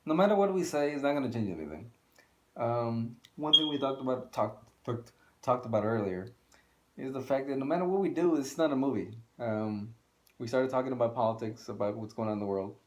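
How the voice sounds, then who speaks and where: A man's voice: mid-range voice, lively intonation, a little fast, a little mellow, low-quality recording. A man co-hosting a video channel, ranting casually and bluntly, swearing and repeating himself for emphasis. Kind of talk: casual opinion rant.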